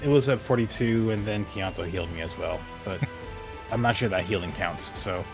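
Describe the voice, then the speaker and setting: A man's voice: lowish voice, normal speed, gravelly, music in the background. A man playing a tabletop game, speaking bluntly about his character's moves. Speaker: player. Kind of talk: casual tabletop play.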